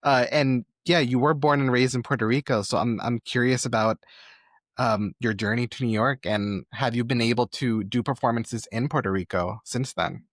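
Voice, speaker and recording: A man's voice: mid-range voice, moderate pace, dry recording, clean studio sound. A man hosting an interview podcast, asking curious, encouraging questions. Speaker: podcast host.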